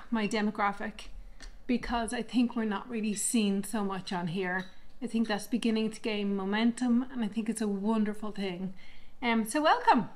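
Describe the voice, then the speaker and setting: A woman in her fifties, an artist chatting candidly and reflectively in a casual vlog from her home studio. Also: medium pitch. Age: 50s. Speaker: artist vlogger. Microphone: microphone she moves away from and back to.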